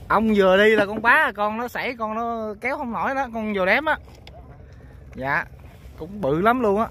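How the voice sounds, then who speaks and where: This male fishing vlogger has a high, sharp-toned voice and a Southern Vietnamese Mekong Delta accent. Sitting on a small boat out on a river, he talks casually and colloquially to viewers with plenty of exclamations, while boat noise is clearly audible.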